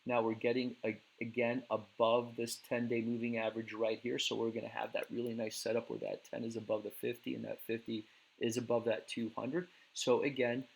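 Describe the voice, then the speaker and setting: A man hosting a casual stock market recap, talking in a relaxed way with many fillers and restarts, and losing his voice. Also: mid-range voice, a little fast, gravelly, rough recording.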